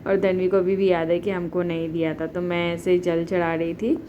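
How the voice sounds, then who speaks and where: A woman in her thirties narrating a home vlog, calmly explaining each step of a family ritual. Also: lowish voice, normal speed, lo-fi sound, slight background noise. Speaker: vlogger. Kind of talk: casual voice-over narration of a family festival vlog.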